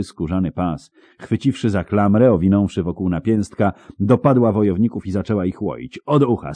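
A man's voice: sits low, dark tone, no room sound. A man narrating an audiobook in a dramatic, vivid storytelling manner, close to the mic.

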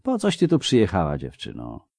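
A weary mercenary, as a male reader puts him on, murmurs in a low, sombre voice. He sounds tired and resigned. The tone is close and dry. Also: huge pitch swings, fairly quick, gravelly, a little mellow, no echo, heavily acted. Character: grave, weary male mercenary, quiet-spoken.

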